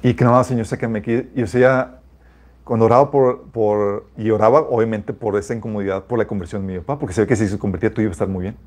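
A man's voice: fairly low pitch, fairly even intonation, fast, darkish tone. A man giving an informal, conversational sermon built on personal testimony, calling his listeners "chicos" and breaking into laughter. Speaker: preacher.

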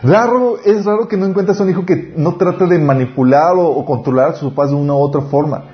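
A man preaching a sermon on parenting, lively, acting out family dialogues. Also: fairly high pitch, fairly quick, soft background music. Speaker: pastor. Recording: dull lo-fi recording.

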